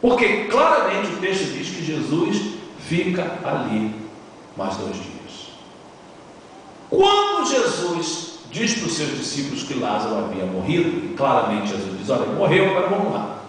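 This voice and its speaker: Pastor preaching in a booming hall. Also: male voice, big pitch swings, a little slow, fairly bright tone, a little hiss or hum. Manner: storytelling, dramatic, retelling a scripture. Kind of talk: sermon. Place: church sanctuary. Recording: echoey church hall, distant mic.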